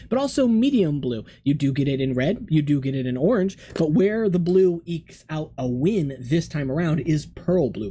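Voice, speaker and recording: A man's voice: a little high, dark tone, slight background noise. A man in his thirties hosting a hobby video with casual, unscripted, rambling commentary, recorded in a small room. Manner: rambling, conversational.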